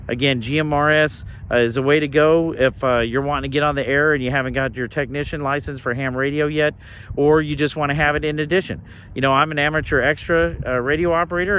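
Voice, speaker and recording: A man's voice: on the high side, a bit bright. A man from Colorado talking casually and informally as an amateur radio operator hosting an outdoor vlog, rambling as he goes. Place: outdoors in a state park. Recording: outdoor ambient and vehicle noise.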